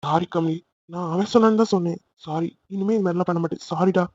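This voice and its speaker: A man as a fast-talking fretful cartoon brother. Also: high-pitched, a little mellow, dry recording, lo-fi sound. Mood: placating. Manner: fretful, placating. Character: fussing older brother and friend.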